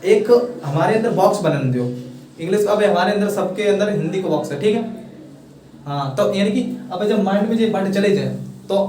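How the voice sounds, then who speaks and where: Mellow and sitting high, this young man's voice carries a Hindi accent as he teaches English, casually explaining a pronunciation lesson and often checking students follow. He says "thik hai" repeatedly, coaxing and encouraging. He sounds far off, in an echoey room.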